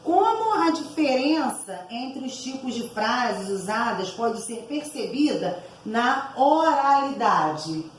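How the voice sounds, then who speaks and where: A woman's voice: a little high, sing-song, slow, few pauses, roomy sound, slight background noise, low-quality recording. A woman teacher going through exercise answers aloud for her class, explaining each item and often checking in with her listeners. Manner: explanatory, frequent tag words asking for agreement.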